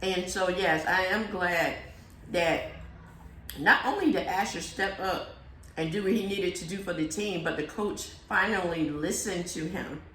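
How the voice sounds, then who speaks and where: Lower-voiced woman, relaxed opinionated recap chat, roomy sound. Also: unhurried, slight background noise. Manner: easygoing, opinionated, trails off with fillers. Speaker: co-host. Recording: echoey room.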